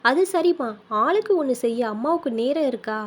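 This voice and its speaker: A kindly seventy-year-old grandmother, as a woman storyteller puts her on, soothing and affectionate with the children. Her voice sits high and light, tender rather than stern. It is told as part of a read-aloud storybook. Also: animated, fairly quick. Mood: tender, doting. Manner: gentle, doting, soothing tone.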